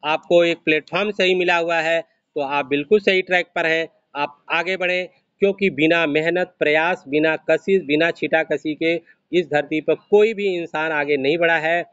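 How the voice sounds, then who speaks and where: Guy with a high voice doing a motivational talk, dry dull lo-fi sound. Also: moderate pace, a bit bright, smooth, no echo. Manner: preachy, repeats phrases for emphasis. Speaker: motivational speaker. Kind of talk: motivational speech to an audience.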